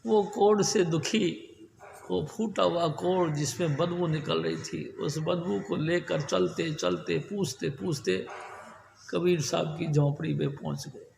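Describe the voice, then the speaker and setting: Slow, gravelly male preacher in an echoing hall. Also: on the high side, expressive, a little mellow, a little hiss or hum. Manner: slow, earnest storytelling, addresses the congregation. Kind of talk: devotional sermon storytelling. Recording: echoey hall with long reverb.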